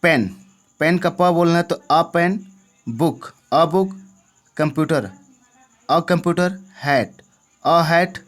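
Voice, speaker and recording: A man's voice: fairly high pitch, takes it slowly, pauses often. A man teaching an English grammar lesson, often asking the viewer questions and checking that they understand. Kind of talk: classroom-style lesson.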